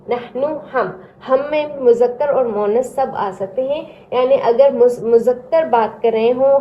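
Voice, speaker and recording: A woman teaching Arabic grammar, patiently repeating each word several times and giving its meaning. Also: a little high. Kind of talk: slow, repetitive classroom drilling. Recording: echoey, slightly dull recording with faint hiss.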